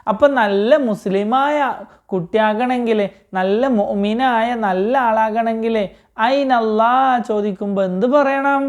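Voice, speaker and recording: A woman with a higher-pitched voice teaches children a religious story, going patiently and slowly, asking them questions and repeating back their answers.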